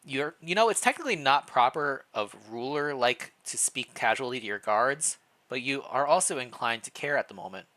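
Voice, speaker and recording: This streamer has a medium-pitched voice with lively intonation, reading fan fiction at a moderate pace during a casual livestream. They stay playful, comment on the story as they go, and occasionally fumble the text.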